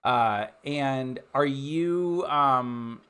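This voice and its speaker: A man with a medium-pitched voice acts as game master. He improvises his narration casually, halting and pausing as he builds each scene. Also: fairly bright tone, smooth. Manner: halting, conversational, many trailing pauses.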